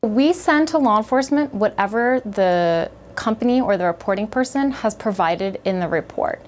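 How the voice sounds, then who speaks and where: A woman's voice: mid-range voice, expressive, moderate pace, a little hiss or hum. Woman agency official in an interview. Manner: conversational, with frequent "um"s. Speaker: child-protection agency official. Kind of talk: interview answer.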